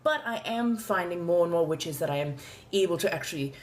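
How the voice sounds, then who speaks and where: A woman's voice: on the low side, animated, slight background noise, close to an everyday voice. A woman playing an ancient, genteel female vampire with a posh colonial accent, speaking formally and courteously as she chats live in character. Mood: gracious, chatty. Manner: refined, formal, old-fashioned wording, drawn-out deliberate phrasing. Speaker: livestream host answering viewer questions. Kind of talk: in-character live question-and-answer chat.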